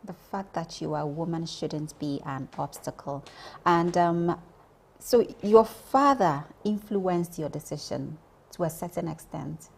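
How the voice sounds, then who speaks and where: A woman's voice: low-pitched, a little slow, vocal fry, slight background noise. A woman hosting a TV interview show, effusive and enthusiastic, with frequent ums. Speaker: TV show host. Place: TV studio.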